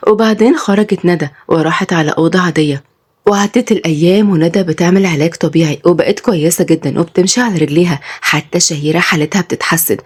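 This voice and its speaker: A woman narrating a romance story in a brisk, dramatic way with an Egyptian Arabic accent. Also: on the low side, a little mellow, slightly rough.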